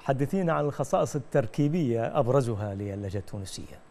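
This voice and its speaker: Brisk man hosting an interview. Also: medium pitch, lively intonation, creaky, darkish tone. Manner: brisk, courteous questioning with short backchannels. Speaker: host.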